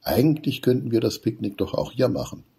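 A man's voice: medium pitch, big pitch swings, a little fast, vocal fry, mellow, husky, voice pushed up, exaggerated voice. A man reading aloud and voicing a timid, greedy male mole who speaks anxiously and stammers. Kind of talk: storybook reading.

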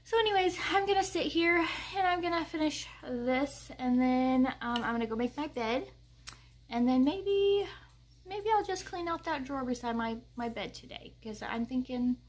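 A woman's voice: high voice, expressive, moderate pace. Chatty woman vlogging from her kitchen. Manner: chatty, rambling, many fillers. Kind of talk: casual chat to camera. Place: kitchen at home, indoors.

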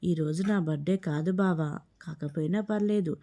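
A woman's voice: lowish voice, normal speed, mellow. A woman narrating a family story, reading every role in her own voice.

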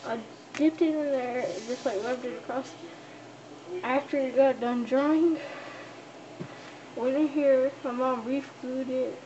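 High, slow girl muffled through a costume head. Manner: halting, with many restarts and fillers. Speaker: vlogger showing a homemade fursuit. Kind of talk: casual show-and-tell vlog. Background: televised baseball game crowd noise.

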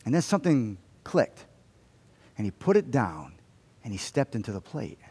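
A middle-aged male pastor preaching a sermon in a church, telling stories and leading a prayer, dropping to a hush and then rising to emphatic points. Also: medium pitch, sing-song, moderate pace, husky. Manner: storytelling, swings from hushed to emphatic. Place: church sanctuary. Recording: long hall reverb.

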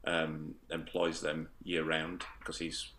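A man's voice: a bass voice, completely flat delivery, slow pace, bright, forceful tone, slight background noise. A man with a Yorkshire accent telling stories in a dry, matter-of-fact way in casual podcast chat. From Yorkshire, England. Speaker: tennis coach and podcast panelist.

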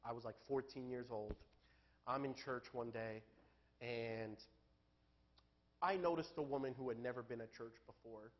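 A male pastor giving a sermon in a church, talking candidly and conversationally, then building to loud, emphatic peaks. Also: medium pitch, normal speed, pauses often, dull audio.

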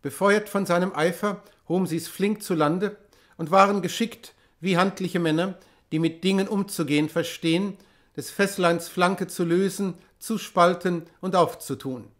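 A man narrating a literary novel as an audiobook in a measured, deliberate way. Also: high voice, steady tone. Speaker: audiobook reader.

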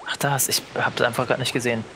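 A man's voice: mid-range voice, flat delivery, racing, gravelly, a bit bright, slight background noise. A man chatting casually with a friend while they play a game together, with dry, laid-back jokes. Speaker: game streamer. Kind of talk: casual co-op gameplay chat.

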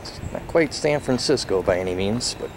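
A man in his thirties gives a relaxed, wry walking tour, talking while he walks outdoors with a handheld camera. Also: fairly low pitch, moderate pace. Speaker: vlogger. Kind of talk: casual walking-tour narration. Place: outdoors on sunny island streets. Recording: outdoor camera audio with street noise.

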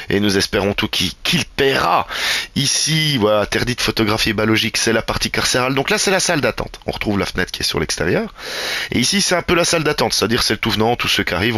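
A man's voice: on the low side, fairly bright tone, no room sound. A man rambling through a tour of his game build, with sarcastic asides. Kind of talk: casual gameplay commentary.

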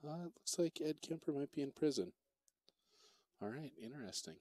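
A man giving relaxed, chatty commentary on a pool match, reading out viewer comments as he goes. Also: on the high side, a little fast. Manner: easygoing, chatty, reads viewer chat aloud. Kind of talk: relaxed live play-by-play commentary.

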